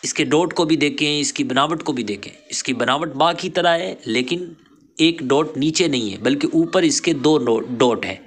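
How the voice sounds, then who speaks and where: A man teaching a Quran reading lesson, patiently spelling out letter sounds one by one and encouraging his student to repeat them. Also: a little high. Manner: encouraging, praises the learner. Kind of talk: recorded online lesson.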